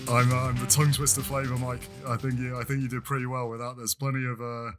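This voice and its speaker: A man's voice: mid-range voice, little pitch movement, fast talker, music in the background. A British man co-hosting a podcast in casual chat, rambling with many fillers and restarts. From Britain. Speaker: podcast co-host. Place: lives in France.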